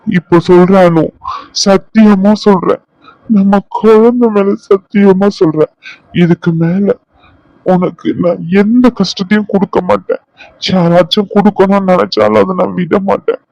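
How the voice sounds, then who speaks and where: A man voicing a tender, remorseful young husband in a cartoon drama, talking slowly and pleadingly. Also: high voice, steady tone, gravelly, no room sound, muffled recording. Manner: soft, pleading, slow and emotional.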